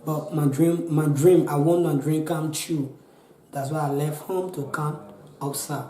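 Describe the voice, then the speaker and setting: A man's voice: on the high side, steady tone, unhurried, mellow, echoey room, poor audio. A Liberian man in his twenties with a Liberian accent, telling his own story in an interview, earnest and pleading, often repeating himself. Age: 20s. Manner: pleading, repetitive, restarts often. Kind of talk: earnest personal account.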